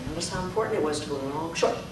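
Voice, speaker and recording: A woman's voice: sits low, rapid-fire. A woman leading a speaking workshop as a speech coach, stretching out syllables when she demonstrates. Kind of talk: teaching a workshop. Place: club meeting room. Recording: echoey room, far from the mic, noisy.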